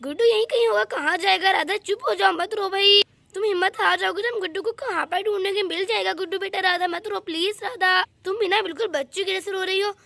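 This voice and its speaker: A woman's voice: extremely high pitch, fast, gravelly, sharp tone, dry recording, exaggerated voice. A woman voicing a bossy mother in a doll story who scolds and reassures in turn. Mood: stern.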